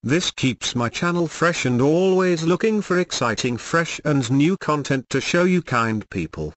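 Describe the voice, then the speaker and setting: A synthetic male text-to-speech voice narrating a video channel, reading in an even, stiff way with odd pauses. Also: on the high side. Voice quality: synthetic robotic voice.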